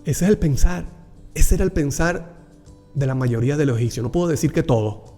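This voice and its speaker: A man's voice: a little high, lively intonation, fairly quick, dark tone. A man preaching a Bible reflection, earnest and personal, calling the listener dear brother. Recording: long hall reverb with faint music behind.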